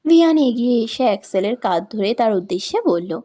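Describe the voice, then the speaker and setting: A woman's voice: a little high, expressive, fast talker, dark tone. Woman narrating a romance story.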